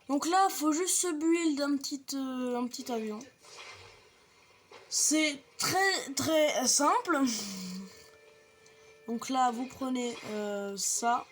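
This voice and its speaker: A woman's voice: high voice, a little hiss or hum. A young woman casually commenting on her gameplay, chatty and explaining each step to viewers with the odd light swear. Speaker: gaming video creator.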